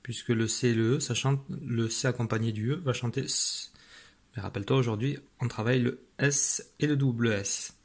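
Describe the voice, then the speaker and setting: A man teaching a spelling lesson, slowly sounding out syllables with patient guidance to a child at home. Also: medium pitch, steady tone, husky. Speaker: primary school teacher.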